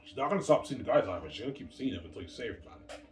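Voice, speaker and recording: A man's voice: medium pitch, big pitch swings, racing, a little mellow. A man in his thirties talking at home late at night in a meandering, casual monologue, swearing and arguing with people who aren't there. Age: 30s. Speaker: vlogger. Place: room at home, family upstairs. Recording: echoey room, distant mic, background noise and music.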